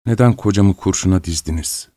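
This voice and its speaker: A man's voice: deep voice, brisk, mellow, no room sound, lightly acted. A man reading a story, voicing a furious, defiant widow who speaks in cold, cutting accusations.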